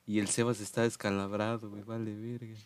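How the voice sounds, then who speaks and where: A man's voice: lowish voice, little pitch movement, brisk, clean tone. Young Mexican man, podcast host, casual storyteller who does voices for quotes. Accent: Mexican Spanish. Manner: slangy, laughing, acts out quotes in raised voices.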